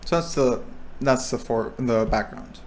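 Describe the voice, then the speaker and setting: A young man working as a recitation instructor explains a probability lesson in a mid-range, somewhat dark voice at a measured pace. He thinks out loud, restarts sentences, and checks in with his listeners. Slight background noise is present.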